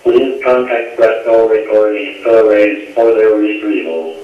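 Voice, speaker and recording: Guy doing a low flat robot voice, voicemail playback, echoey and tinny from across the room. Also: a little slow. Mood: deadpan. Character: monotone male robot leaving a lovesick voicemail. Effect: robot voice on an answering machine. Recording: echoey tinny answering machine playback from far off.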